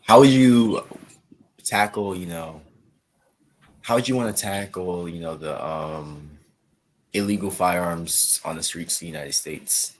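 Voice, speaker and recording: A man interviewing over a video call with a bad internet connection, halting and filling pauses with "you know". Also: low-pitched. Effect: choppy bad internet connection. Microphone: computer or phone on a video call. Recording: distant, choppy internet call audio.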